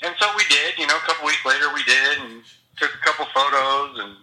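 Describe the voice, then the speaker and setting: A man's voice: fairly high pitch, fast talker, pushed and bright. A man calling in by phone on speaker as a guest, chatting casually and rambling with restarts. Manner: laid-back, rambling with restarts and fillers. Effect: heard through a phone on speaker. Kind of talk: casual chat. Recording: phone call played into the room.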